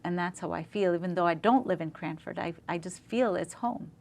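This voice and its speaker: In a casual interview, a middle-aged dentist from Zambia shares stories with eager warmth and plenty of fillers. She speaks a little fast, at a fairly low pitch.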